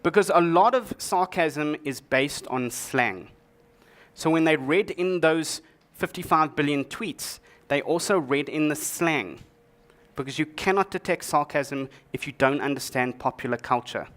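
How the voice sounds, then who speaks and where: A man's voice: a little high, unhurried, fairly bright tone. A man giving a humorous tech talk at a conference, joking as he presents. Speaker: conference speaker.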